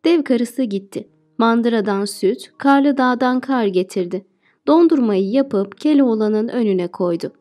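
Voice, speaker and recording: A woman teacher narrating a folk tale audiobook in a steady, clear reading voice. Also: a little high, measured pace. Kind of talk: storybook narration.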